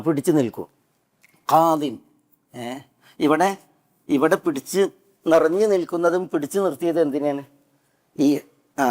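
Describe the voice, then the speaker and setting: A man with a Malayalam accent teaching a Quran commentary class. He asks his listeners questions and answers them himself, and chants Arabic verses slowly. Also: fairly high pitch, a little mellow. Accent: Kerala Malayalam. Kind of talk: Islamic religious class.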